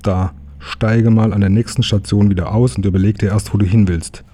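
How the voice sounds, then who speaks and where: A man voicing an impatient male tram conductor who scolds a boy, in a husky voice. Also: lowish voice, fairly even intonation, brisk, dark tone, lightly acted. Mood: scolding. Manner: brusque, scolding.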